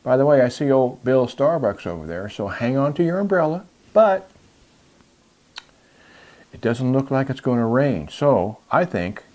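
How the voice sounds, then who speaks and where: A man's voice: mid-range voice, sing-song, unhurried, a little mellow, slight background noise. A man co-hosting a comedy show with showy, mock-serious banter. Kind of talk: comic banter.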